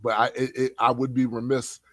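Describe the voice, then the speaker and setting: A man co-hosting a casual podcast, talking in an animated, slangy way and laughing often. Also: mid-range voice, fairly quick, dry recording. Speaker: podcast co-host.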